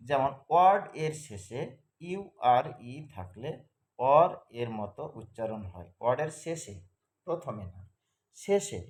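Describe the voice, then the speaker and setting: A man's voice: mid-range voice, a little mellow. A man teaching English pronunciation in a lesson, explaining step by step and repeating each example word and rule. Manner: slow, step-by-step, repeats words and rules.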